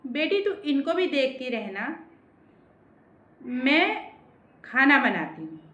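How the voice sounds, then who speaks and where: A woman's voice: sits high, big pitch swings, slow, sharp tone, reverberant, lo-fi sound, heavily acted. A woman voicing a stern, worried village mother in a folk tale, scolding her child. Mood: warning. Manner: scolding, then grief-stricken.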